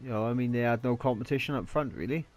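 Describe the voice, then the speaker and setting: A man's voice: medium pitch, quick pace, a little mellow, faint music behind. A young Welsh man hosting a racing game video, chatting casually with a self-mocking, slangy manner. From Wales. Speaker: gaming channel host.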